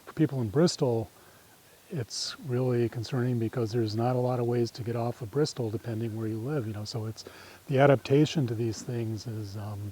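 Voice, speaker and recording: Outdoors on a farm trail, a middle-aged man guides a nature walk with an informal talk, reflective and tentative, his phrases often trailing off. His voice is medium-pitched with fairly even intonation, a little fast and dark-toned, captured in a low-quality recording.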